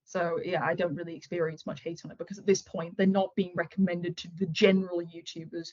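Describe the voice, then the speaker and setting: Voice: medium pitch, little pitch movement, brisk, a little mellow, muffled recording. A person in their twenties, a series creator answering interview questions in a frank, matter-of-fact, self-assured way. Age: 20s.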